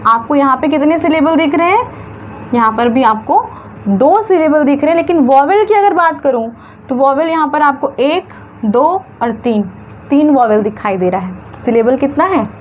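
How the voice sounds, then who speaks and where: A woman teaching English grammar, stretching words slowly into syllables and asking questions that she answers herself. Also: sits high, lively intonation, slight background noise. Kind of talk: classroom-style grammar lesson.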